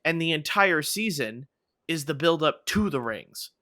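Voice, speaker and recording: Podcast co-host, man, bright and forceful tone, dry close sound, talks in loose rambling runs. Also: a little high, expressive, unhurried, no room sound. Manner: rambling, many fillers and restarts. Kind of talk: casual chat.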